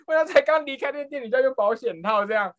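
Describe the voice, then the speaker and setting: A man recounting a funny story on a casual podcast. His pitch jumps around a lot, and he breaks into frequent laughter while mixing English phrases into his talk. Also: fast talker. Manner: animated, laughs often, mixes in English phrases. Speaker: podcast guest.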